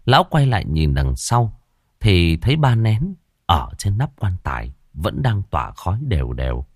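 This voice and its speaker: A man with a deep, low voice tells a story with lively, rising and falling delivery. The sound is dry and close, with no room echo. He narrates expressively, leaning into each turn of the tale. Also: moderate pace, breathy edge.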